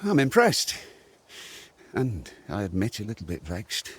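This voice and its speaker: Rustic male farmer for a video game: plaintive, colloquial, husky, unhurried, worried. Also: on the low side, huge pitch swings, full character voice. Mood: evasive.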